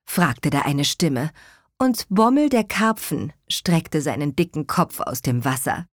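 A woman's voice: sits low, animated, a little slow, no room sound, clean studio sound. Woman narrating a children's story.

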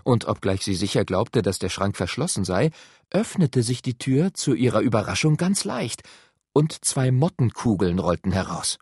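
Expressive, husky male storyteller. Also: on the low side, normal speed, no room sound, clean studio sound. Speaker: audiobook narrator. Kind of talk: scripted narration.

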